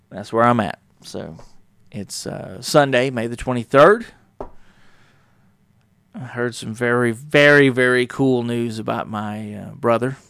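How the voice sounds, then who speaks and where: Gravelly middle-aged man telling a podcast story. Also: medium pitch, no echo. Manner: rambling, self-correcting, warm storytelling with frequent fillers. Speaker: podcast host. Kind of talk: casual solo podcast storytelling.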